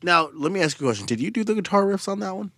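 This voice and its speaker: Bright-voiced, excitable podcast host man. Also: high voice, rapid-fire, dry recording. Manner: excitable, swearing, shouts when hyped. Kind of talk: casual podcast banter.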